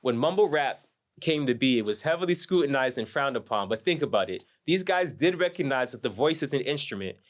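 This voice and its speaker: A man who is a hip-hop artist, teaching a performance masterclass in a laid-back, slangy way. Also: mid-range voice. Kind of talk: instructional masterclass talk.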